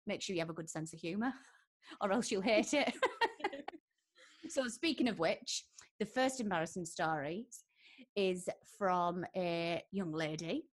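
A woman's voice: fairly low pitch, moderate pace. A woman chatting casually as a podcast host, in a breezy, jokey way.

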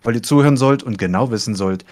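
A man who commentates esports, chatting casually and letting his voice deliberately rise and fall as he talks. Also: a little mellow. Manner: deliberately rises and falls in pitch while telling. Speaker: esports caster. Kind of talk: casual podcast chat.

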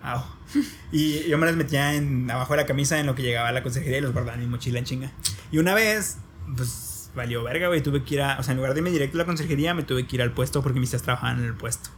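Fast-talking Mexican man, slangy storyteller. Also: mid-range voice, fairly bright tone, slight background noise. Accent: Mexican Spanish. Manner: slangy storytelling, laughing asides. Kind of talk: casual podcast chat.

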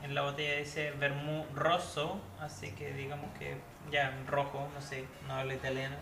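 A young Chilean man hosts a casual cocktail show, walking through the recipe while mixing drinks and throwing in crude jokes. His slightly high voice is gravelly and monotone at a moderate pace, against a noisy background.

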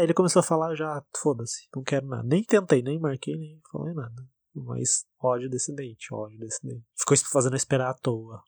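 A man, co-hosting a casual chat and telling stories in a blunt, animated way with swearing. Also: mid-range voice, creaky, no echo.

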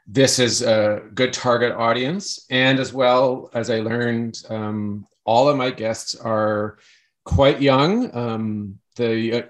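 A man hosting a podcast, talking casually and restarting his sentences often. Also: on the low side. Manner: halting, many restarts and fillers. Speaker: podcast host.

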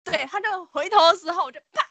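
A woman co-hosting a podcast, telling a story in casual chat and acting out the people in it with sudden loud cries. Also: extremely high pitch, fast talker. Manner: animated storyteller, acts out the people she quotes with sudden shrieks.

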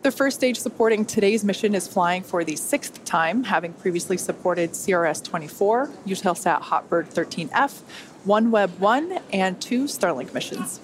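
A woman hosts a live webcast with scripted, explanatory narration. Her pitch sits in the middle range, and there is faint noise behind her. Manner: clear explanatory presenting. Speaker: webcast host and engineering manager.

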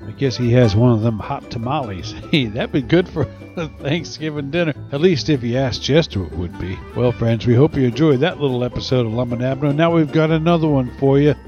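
A man's voice: mid-range voice, animated, brisk, warm tone. A man hosting a radio show in a casual, rambling, folksy way, chuckling now and then. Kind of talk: casual chatty radio presentation. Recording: dull sound with music behind.

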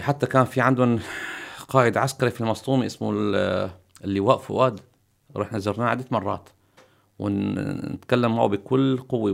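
A man's voice: on the low side, gravelly. A middle-aged man with a Syrian Arabic accent, a podcast guest earnestly recounting memories.

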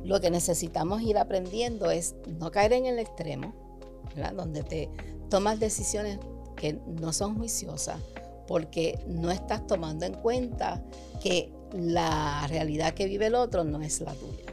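Puerto Rican woman, podcast host, chatty and expressive, faint music bed. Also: fairly low pitch, a little slow, creaky. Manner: animated, acts out quoted reactions. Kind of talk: casual podcast chat.

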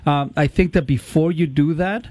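Male radio host, fairly high voice, easygoing and quick to laugh. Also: darkish tone, no room sound. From Chile. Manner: laughs often, many filler restarts. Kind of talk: casual radio talk.

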